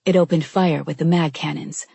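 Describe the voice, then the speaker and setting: A woman reading a science fiction audiobook aloud in a measured, even narration. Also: sits low, gravelly, breathy edge, no room sound. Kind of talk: scripted narration.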